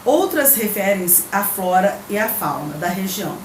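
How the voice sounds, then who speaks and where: A woman's voice: mid-range voice, big pitch swings, normal speed. A woman teacher with a Brazilian Portuguese accent, giving a recorded remote lesson. She reads the textbook aloud, explains it patiently and checks in with her pupils. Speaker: primary school teacher. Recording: echoey room with faint background noise.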